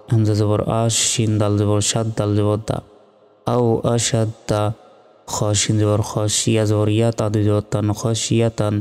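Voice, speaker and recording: Male Quran reading tutor, deep smooth voice, flat steady delivery, reverb and faint music behind. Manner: slow, measured letter-by-letter spelling. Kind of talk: spelling out Arabic letter by letter.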